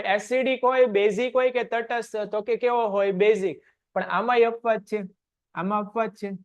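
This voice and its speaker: A man with a high-pitched voice teaches science online, firing short questions at the class and answering them himself in a steady drilling rhythm. The audio sounds dull and lo-fi.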